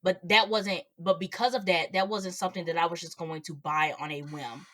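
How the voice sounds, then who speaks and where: A woman co-hosting a podcast, chatting casually about upcoming games and trailing off softly at the ends of thoughts. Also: lowish voice, steady tone, a little fast. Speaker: podcast co-host. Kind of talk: casual chat.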